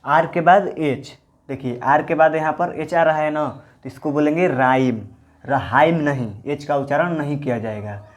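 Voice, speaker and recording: A man teaching English pronunciation in Hindi, explaining rules with patient repetition and slowly spelling out words letter by letter. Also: fairly high pitch.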